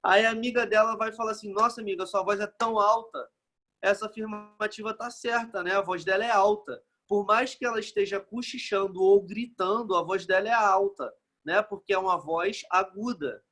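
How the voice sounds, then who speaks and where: A man's voice: high voice, steady tone, normal speed, few pauses, a bit bright. A man from Brazil, teaching a physics lesson in a casual, joking way and checking in with the class after nearly every phrase.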